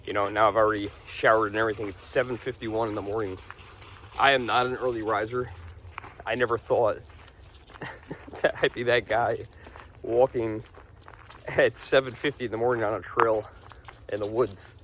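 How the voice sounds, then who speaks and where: A man's voice: fairly low pitch, steady tone, moderate pace, pauses often, a bit bright, a little hiss or hum. A man from New York's Hudson Valley who rambles in casual vlog chat, laughing often while he walks his dog along a wooded trail outdoors. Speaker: vlogger.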